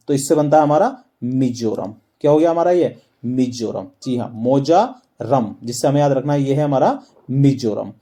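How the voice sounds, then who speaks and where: A fairly high, mellow male voice walks through a map lesson with mnemonic tricks. He asks his listeners questions over and over and then provides the answers himself.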